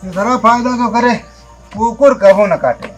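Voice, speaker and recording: A man's voice: very high voice, a little slow, soft background music, low-quality recording. A man playing a drunk, boastful, quarrelsome rural uncle in a comedy sketch, rambling and arguing with an Awadhi accent. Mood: boastful lecturing. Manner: drunken, rambling, argumentative talk. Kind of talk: village comedy sketch acting.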